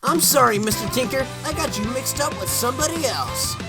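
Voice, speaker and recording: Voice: high-pitched, expressive, brisk, loud music behind the voice. An actor voicing a cocky, easygoing young male hedgehog hero in a breezy, casual way for a comic dub. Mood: friendly. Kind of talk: animated comic dub acting.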